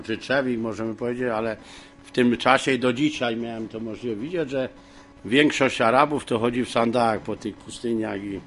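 A man teaching from the Bible in a homely, rambling way, with many fillers and frequent throat clearing. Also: medium pitch, a bit bright. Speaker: preacher.

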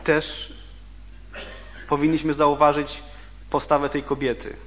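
Halting Polish preacher in a reverberant hall. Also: male voice, a little high, little pitch movement. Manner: halting, repeats words and restarts. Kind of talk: sermon with scripture reading.

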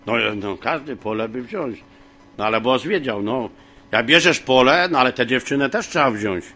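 A man teaching from the Bible in a homely, rambling way, with many fillers and frequent throat clearing. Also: medium pitch, expressive, moderate pace, pushed and bright. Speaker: preacher.

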